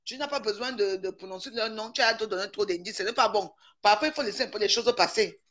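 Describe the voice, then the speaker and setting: A woman joins a live stream call and gives advice in a firm, steady manner. Her voice is forceful and bright, pressing each point without rushing. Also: mid-range voice. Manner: firm, calming, advising.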